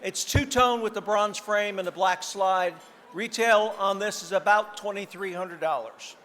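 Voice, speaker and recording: A man's voice: high voice, unhurried, sharp tone. A man giving a short, informal product presentation to an audience as a company sales representative. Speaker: company sales director presenting an auction item. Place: large banquet hall at a dinner event. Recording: echoey hall with crowd noise.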